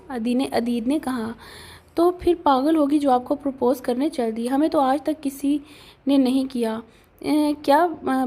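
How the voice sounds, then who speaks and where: A woman's voice: sits high, warm tone. A woman reading a romantic novel aloud, narrating and voicing every character's lines with light changes in delivery. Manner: reads all the characters' lines in a lightly varied voice.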